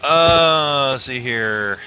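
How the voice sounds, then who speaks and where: A man running a tabletop game as game master, counting rolls aloud and pausing to look things up. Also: mid-range voice, dull audio, music in the background. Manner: counts dice aloud, distracted pauses. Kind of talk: casual tabletop game play.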